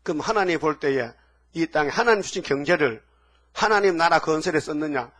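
A man's voice: on the high side, expressive, brisk, fairly bright tone. A male pastor preaching a fervent sermon, scolding and firing rhetorical questions at the congregation.

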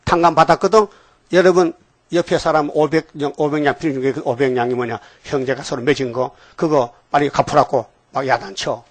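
A male pastor preaches with a fairly high, bright-pitched voice, pressing his congregation with pointed rhetorical questions. He scolds and cajoles, then has the room repeat lines after him. The sound is dry and close, with little room echo. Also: steady tone, fairly quick.

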